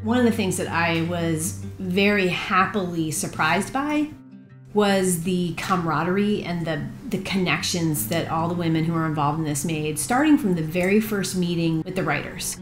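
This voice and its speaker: A woman's voice: on the low side, normal speed. A woman talking earnestly in an interview about a book project she started. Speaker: founder of a women's book project. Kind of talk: reflective interview talk. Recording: roomy with music behind.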